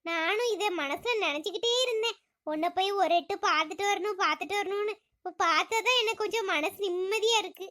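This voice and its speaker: A woman's voice: very high voice, a little fast, a bit bright. A woman voicing many characters in a village cartoon comedy, with chatty village talk.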